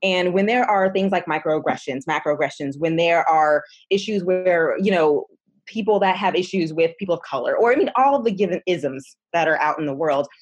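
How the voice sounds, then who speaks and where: A woman who teaches classes, explaining a classroom activity in a relaxed way. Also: lowish voice, brisk. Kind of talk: conversational explanation.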